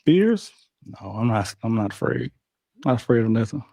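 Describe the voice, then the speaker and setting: A man answering questions as a dating show contestant, halting and restarting often. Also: on the low side, sing-song, dark tone, no room sound. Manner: halting, many fillers and restarts.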